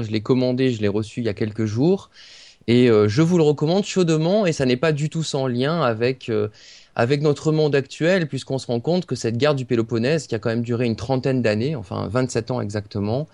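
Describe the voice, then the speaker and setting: A man giving a podcast book review as a columnist, earnest and hesitant, pausing often on filler sounds. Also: mid-range voice, a little mellow, no room sound.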